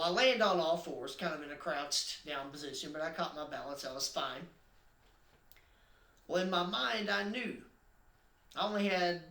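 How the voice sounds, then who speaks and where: A man's voice: a little high, fairly bright tone, echoey room. A man earnestly recounting his own accident as a personal testimony, building suspense with emphatic stresses.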